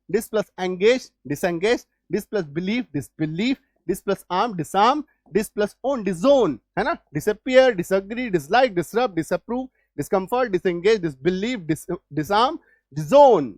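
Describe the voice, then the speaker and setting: In studio-quality sound with no room noise, a man with a high-pitched, darkish voice teaches English aloud. He goes patiently step by step, repeats words and keeps making sure his students follow.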